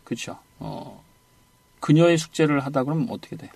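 A man's voice: a little high, lively intonation, gravelly, a little mellow, slightly rough, no echo. A man teaching an English conversation lesson, prompting his student with short cues and asking for repeats. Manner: brisk prompting, repeats "one more time". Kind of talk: audio lesson drills.

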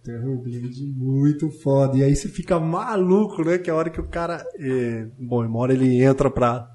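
A man with a slangy, animated way of talking, co-hosting a casual podcast chat with frequent restarts. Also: mid-range voice, normal speed. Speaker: podcast co-host.

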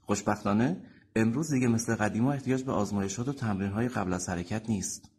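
A man's voice: on the low side, a little mellow, slight background noise, lightly acted. A man voicing a firm, assured company chief of about forty in an audiobook reading.

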